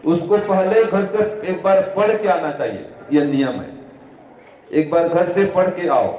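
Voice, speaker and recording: A religious teacher addresses students with moral instruction, speaking didactically, repeating his points and answering his own questions. His voice is a little high, with slight hiss or hum, recorded in an echoey room over a tinny, phone-like line.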